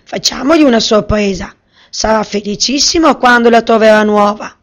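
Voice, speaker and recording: A woman's voice: on the high side, normal speed, close to an everyday voice. A woman playing a sweet naive princess. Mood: pleased. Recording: slightly muffled recording.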